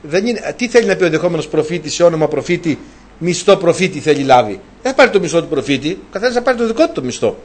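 A man's voice: a little high, big pitch swings. A man preaching a sermon, retelling a story animatedly and asking his listeners rhetorical questions.

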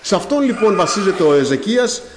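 A man with a high voice preaches with fervor and speaks straight to his congregation. He breaks in with short thanksgivings between his points. The voice rings out through an echoey hall. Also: big pitch swings, noisy background. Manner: fervent preaching with repeated thanksgivings and direct address to the congregation. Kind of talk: sermon.

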